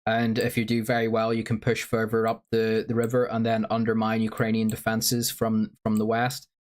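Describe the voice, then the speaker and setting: A man's voice: lowish voice, completely flat delivery, moderate pace. A man with a sore throat, livestreaming casual commentary and reading out viewer chat in a rambling, filler-heavy way. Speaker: stream host.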